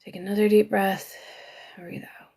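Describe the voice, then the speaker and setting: Woman with a gravelly, fry-edged voice. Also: medium pitch, level tone. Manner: slow, instructive guidance with soft, breathy asides. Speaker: healing coach. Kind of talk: guided emotional exercise on a live stream.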